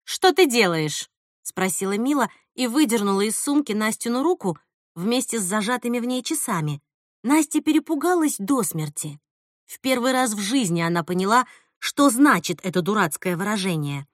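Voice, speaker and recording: A woman's voice: medium pitch, expressive, moderate pace, no echo, studio quality. A woman narrating an audiobook expressively, acting out the characters' voices. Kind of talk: audiobook reading.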